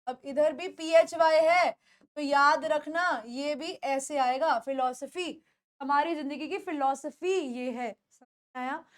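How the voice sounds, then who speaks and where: Woman, pronunciation teacher, high voice, repeats words, asks checking questions. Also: takes it slowly. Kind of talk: classroom lesson.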